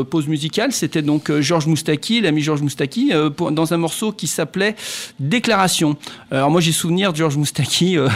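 A male radio host, speaking in a slightly high voice. He talks in a halting, friendly way, filling gaps with hesitations and restarting his sentences as he leads the discussion. The sound is a plain studio talk-show recording. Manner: hesitant, many fillers and restarts; chuckles at his own anecdotes.

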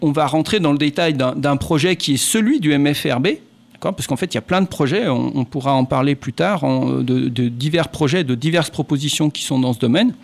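A male radio host, speaking in a slightly high voice. He talks in a halting, friendly way, filling gaps with hesitations and restarting his sentences as he leads the discussion. The sound is a plain studio talk-show recording. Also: vocal fry. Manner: hesitant, many fillers and restarts; chuckles at his own anecdotes.

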